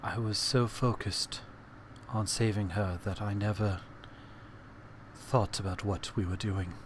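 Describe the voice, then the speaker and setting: Man doing a weary, halting old man, lowish. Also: steady tone, noisy background, natural voice. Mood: grave, exhausted. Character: exhausted, guilt-ridden elderly male scientist. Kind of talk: acted diary recording in tabletop game.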